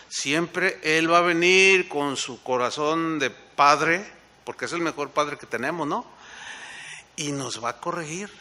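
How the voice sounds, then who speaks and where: A male pastor preaching in a lively, chatty way, his voice sitting high for a man and sounding strikingly bright and forceful. He keeps turning to his listeners with quick questions. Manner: conversational, asks the congregation rhetorical questions. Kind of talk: sermon.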